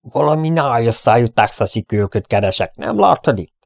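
A man's voice: medium pitch, lively intonation, creaky, dry recording, clean studio sound, pitched above the performer's own voice. A man voicing a burly, provocative gang boss in an audiobook, speaking in a challenging, growling way. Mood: provoking.

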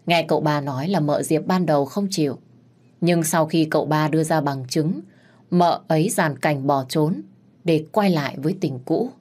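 A woman reads a story aloud in a steady, solemn tone. Her voice is low and husky, with a breathy edge. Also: normal speed. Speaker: story narrator. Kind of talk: scripted narration.

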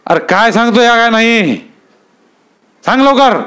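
A man voicing a domineering, brutal village strongman with harsh, bullying shouts, pitched well above his narrating voice. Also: moderate pace, smooth, lightly acted. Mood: menacing.

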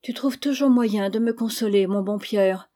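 A woman's voice: mid-range voice, moderate pace, warm tone, lightly acted. A woman reading the part of a worried, tender mother who is firm with her child, in an audiobook of a classic novel. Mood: earnest. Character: anxious, tender young mother, easily discouraged.

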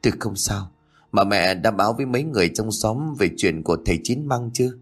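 A man's voice: lowish voice, expressive, brisk, breathy edge, faint music behind. A man voicing an anxious young man lying in a hospital in an audio story. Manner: stammering, anxious. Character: frightened, nervous young man patient.

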